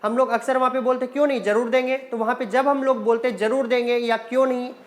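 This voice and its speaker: A woman with an Indian accent teaching spoken English phrases, repeating each one slowly and explaining when to use it, calling her learners children. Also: on the high side, fairly even intonation. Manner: drills short phrases, repeating them slowly; addresses learners as children and guys.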